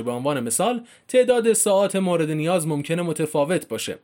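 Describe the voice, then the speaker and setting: A man reading a formal informational script as a narrator, with casual spoken word endings. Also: high voice.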